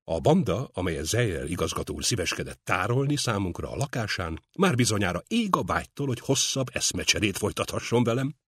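A man narrating an audiobook in a lively, expressive reading. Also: fairly low pitch, hardly any pauses, breathy edge, no room sound.

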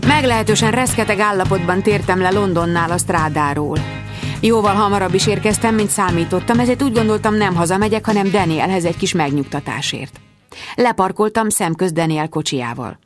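A woman narrating a novel in first person, with a lively, expressive reading. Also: mid-range voice, over music. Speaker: audiobook narrator.

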